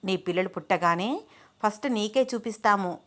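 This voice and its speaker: A woman voicing a calm male surgeon who reassures his patient in a slow, soothing, lower voice. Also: lightly acted.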